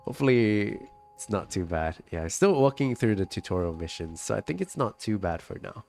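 A man's voice: fairly low pitch, lively intonation, a little fast, vocal fry, a little mellow, soft background music. A sick man with a stuffy, nasal voice and a cough, chatting casually on a live stream and reading out viewer comments. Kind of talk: casual live-stream chat while gaming.

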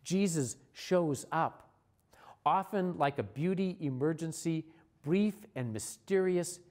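A man, a church leader, giving a recorded sermon in a measured, earnest way, slowing down for repeated refrains. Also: a little high, darkish tone.

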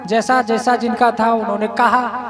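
A man preaching at an ashram, telling a moral story slowly and asking the listeners rhetorical questions. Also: very high-pitched, level tone. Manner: slow, repeats rhetorical questions to the audience. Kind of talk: storytelling sermon. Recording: flute music playing behind.

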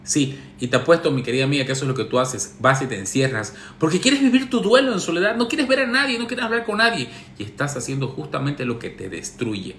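A man's voice: a little high, lively intonation, fast talker, hardly any pauses, a bit bright, echoey room, slight background noise. A relationship coach, a man, reads viewer messages and answers them with sarcastic, teasing advice in a casual monologue.

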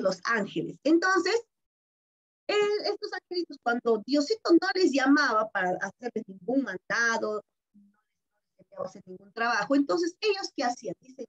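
A woman's voice: high-pitched, muffled recording. A woman teacher with a Peruvian Spanish accent, reading a story aloud to young pupils and explaining it, often checking in with "¿verdad?". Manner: warm-toned, explanatory, keeps asking "¿verdad?". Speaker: primary school teacher. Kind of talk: reading comprehension lesson for children.

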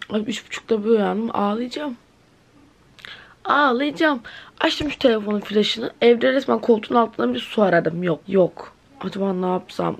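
An eighteen-year-old woman with a gravelly, medium-pitched voice vlogs at home indoors. Chatting casually to the camera, she tells a story in a dramatic way, full of exclamations.

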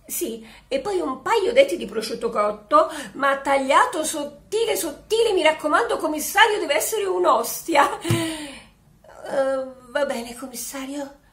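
An actress playing a sly, mock-grieving widow on the phone in a comic home-theater sketch. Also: female voice, high-pitched, animated, slow pace, roomy sound. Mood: coy. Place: home, indoors.

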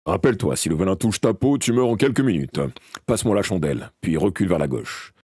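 A stern, steady monster hunter, put on by a male reader, speaking in a very deep, dark voice. His orders come out low and gruff, with a husky edge, calm even in danger. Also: a little fast, no room sound, clean studio sound. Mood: grave, calm.

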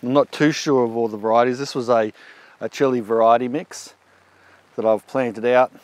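A man's voice: medium pitch, normal speed, dry recording. Australian man chatting on a garden walk. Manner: relaxed, chatty explaining while walking. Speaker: homesteading vlogger. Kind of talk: casual garden walk-through. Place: outdoor backyard garden on a rainy day. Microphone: handheld action camera.

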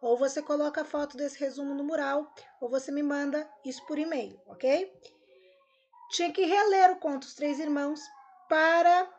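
Here a teacher, a woman whose accent is Brazilian Portuguese, reviews the homework with her pupils in a recorded class. She speaks at a normal pace and high pitch, sounding bright, energetic, and direct with the kids.

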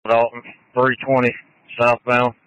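A male state trooper gives clipped, coded reports over police radio during a pursuit, using terse procedural radio codes. His medium-pitched voice is completely flat and measured, with a clean tone and no echo. The audio comes through a tinny narrowband police scanner.

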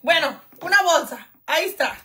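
A high-pitched young woman chats her way through a live unboxing. She jokes about herself and reads viewers' comments aloud in a loose, casual way. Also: lively intonation, normal speed, sharp tone. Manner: chatty and self-joking, reads out viewer comments. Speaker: vlogger doing a live unboxing. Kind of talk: casual live-stream chat.

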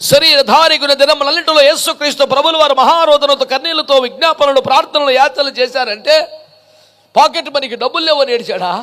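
High-voiced impassioned male preacher. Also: quick pace, sharp tone. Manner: impassioned, rhetorical preaching with repeated questions. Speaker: pastor. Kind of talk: sermon.

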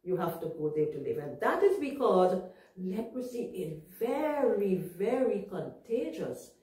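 Slow, expressive woman telling a kids' story. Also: medium pitch. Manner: gentle, asks children questions, explains simply. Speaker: Sabbath school teacher. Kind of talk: storytelling lesson for young children. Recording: echoey room, far from mic.

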